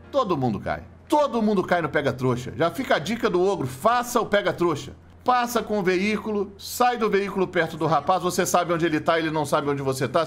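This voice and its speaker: A man with a Brazilian Portuguese accent giving joking, mock sportscaster commentary over video game footage. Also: sits high. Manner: joking, playful, animated play-by-play. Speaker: gameplay commentator.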